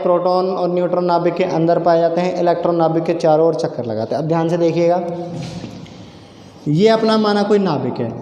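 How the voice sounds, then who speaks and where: A man's voice: high-pitched, a little mellow. A male physics teacher giving a classroom lecture, asking questions and answering them himself. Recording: echoey classroom with long reverb.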